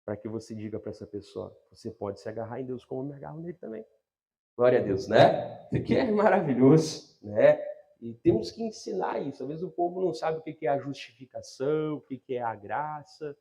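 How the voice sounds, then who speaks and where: Brazilian pastor preaching, chatty, keeps asking the crowd, then booms out the verses. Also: male voice, expressive, quick pace, creaky, hardly any pauses. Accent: Brazilian Portuguese. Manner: conversational preaching, frequent tag questions, swells to loud emphatic readings. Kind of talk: sermon.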